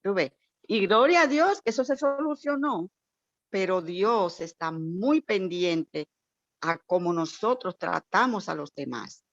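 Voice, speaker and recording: A woman sharing an emotional testimony at a church gathering, animated and storytelling, acting out quoted voices. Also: medium pitch, unhurried, no echo, dull audio. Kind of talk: heartfelt testimony in a prayer meeting.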